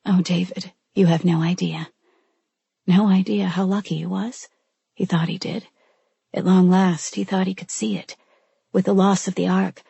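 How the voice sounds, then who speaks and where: A woman reading a science fiction audiobook aloud in a measured, even narration. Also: medium pitch, vocal fry, breathy edge, no room sound. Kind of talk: scripted narration.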